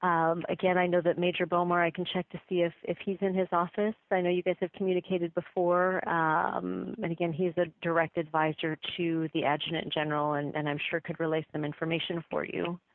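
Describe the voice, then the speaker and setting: Over a tinny, band-limited phone line, a woman working as an office assistant or receptionist takes a business call with polite, apologetic, deferential formality. Her lowish voice barely moves in pitch, and she speaks fairly quickly with hardly any pauses and no room sound.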